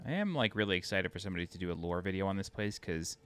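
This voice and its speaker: A man's voice: low-pitched, animated, very fast, a bit bright, smooth. A tired man with a New York accent giving chatty, self-deprecating walkthrough commentary over a video game, thinking aloud as he plays. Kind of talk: casual gameplay commentary.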